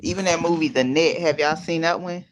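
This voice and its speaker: A man's voice: a little high, a little fast, crowd noise. A man on a casual livestream, explaining things plainly with fillers. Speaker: livestream guest.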